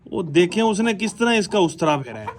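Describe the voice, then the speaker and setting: A man's voice: high voice, very animated, a little fast, crowd noise. A man, chatting casually to viewers and to his birds as he shows them in their outdoor pens. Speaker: bird keeper showing his birds. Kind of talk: casual vlog talking to viewers.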